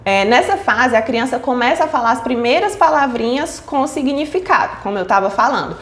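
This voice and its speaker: A woman's voice: fairly high pitch, expressive, brisk, roomy sound. A woman giving an explanatory online lesson on child speech development, often checking in with her listeners as she goes. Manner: frequent checking fillers like "certo?" and "tá?".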